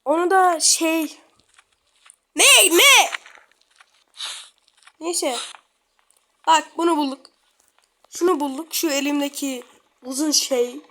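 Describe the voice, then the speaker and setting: A woman giving slangy, excitable running commentary while playing a game. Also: sits high, slow pace, pauses often. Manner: excitable, slangy, blurting reactions. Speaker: gamer. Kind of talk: casual gameplay commentary. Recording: loud background noise.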